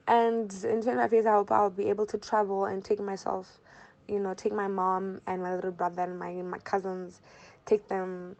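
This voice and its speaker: A bubbly young woman from Zimbabwe talks casually as an interview guest. She laughs often and circles back over her words. Her pitch sits in a middle range for a woman. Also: little pitch movement, normal speed, vocal fry, a little mellow. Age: 20s.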